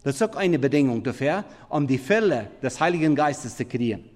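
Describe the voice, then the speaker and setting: A man preaching a sermon in halting, non-standard German, swinging between loud emphatic scripture reading and quiet murmured asides. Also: medium pitch, lively intonation. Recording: long reverb of a big hall.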